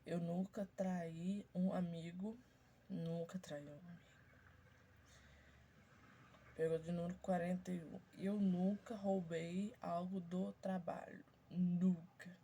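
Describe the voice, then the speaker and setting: A woman in her twenties with a stuffy, congested voice, chatting casually to her viewers as she slowly reads out questions and answers each one briefly. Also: fairly low pitch, steady tone, warm tone, slight background noise. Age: 20s. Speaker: YouTuber. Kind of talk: casual chat to viewers, reading out a question game.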